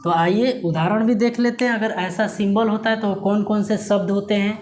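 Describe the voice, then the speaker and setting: A male Hindi grammar teacher explaining a lesson to students. He asks questions, answers them himself, and repeats key words slowly. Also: high-pitched, steady tone, darkish tone. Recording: echoey room with faint noise.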